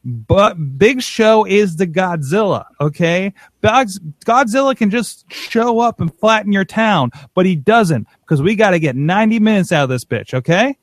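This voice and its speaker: A man co-hosting a casual chat, talking in an excitable, rambling way with many restarts. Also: sits high, moderate pace, dry recording. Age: adult with a father-in-law. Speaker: podcast co-host.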